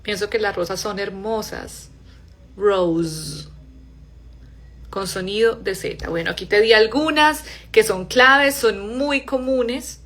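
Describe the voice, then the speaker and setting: A young Spanish-speaking woman teaching a live English pronunciation class, explaining in Spanish and modeling English words slowly and softly. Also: medium pitch.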